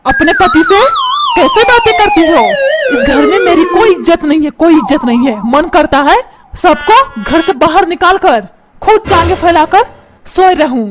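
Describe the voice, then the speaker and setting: A woman voicing a short-tempered middle-aged cartoon father who yells and scolds his family. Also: very high-pitched, very animated, normal speed. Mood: angry. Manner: yelling, scolding, self-pitying. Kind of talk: cartoon voice acting. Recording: music playing underneath.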